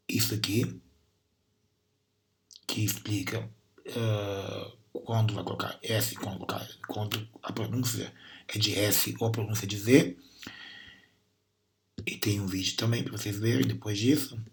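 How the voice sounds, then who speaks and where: A Brazilian man teaching English grammar and pronunciation, patiently repeating sounds and words to demonstrate them. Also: lowish voice. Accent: Brazilian Portuguese. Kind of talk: recorded class lesson.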